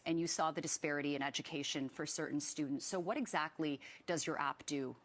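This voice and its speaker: A woman presenting a breakfast TV program and interviewing a guest. Her voice sits a little low. Her delivery is smooth and polished, like a broadcast anchor's. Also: brisk. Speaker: TV morning show host.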